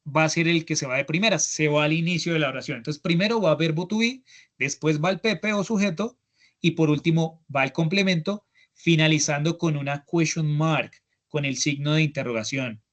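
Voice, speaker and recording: A man's voice: fairly high pitch, brisk, fairly bright tone. A man with a Colombian Spanish accent teaching English grammar in an online class, explaining step by step and often checking in with "¿listo?". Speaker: English instructor. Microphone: computer mic on a video call.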